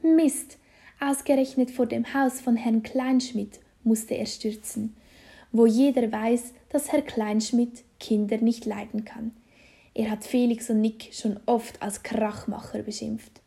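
A woman reading a children's story aloud, slow and deliberate. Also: on the high side, steady tone, vocal fry, mellow.

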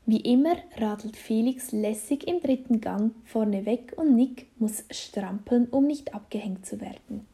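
A woman reading a children's story aloud, slow and deliberate. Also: on the high side, dark tone.

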